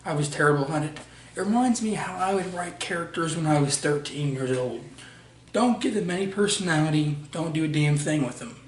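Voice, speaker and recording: A young man gives a blunt, profane movie review, circling back on his words as he goes. His voice sits a little high. He sounds set back from the mic in a roomy space with faint background noise. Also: lively intonation, brisk, distant mic. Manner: blunt, profane, frequent restarts. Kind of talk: casual ranting movie review.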